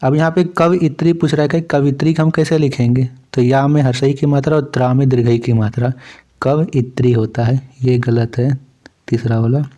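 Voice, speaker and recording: A man's voice: medium pitch, flat delivery, moderate pace, dark tone. A male teacher going through exam questions, reading a poem aloud and then asking and answering quiz questions himself. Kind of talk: exam answer walkthrough lesson.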